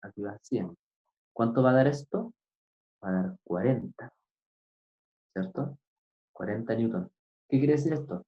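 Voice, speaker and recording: A man teaching physics, explaining a problem step by step and often pausing to ask his students if they follow. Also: medium pitch, expressive. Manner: keeps asking "right?" to check understanding; patient, step-by-step. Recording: dull lo-fi recording.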